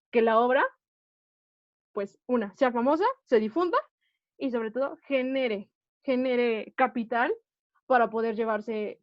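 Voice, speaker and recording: A woman's voice: a little high, no echo. A woman teaching an acting class, explaining patiently and often checking that the students follow. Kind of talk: online class lecture. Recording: dull, dry lo-fi audio.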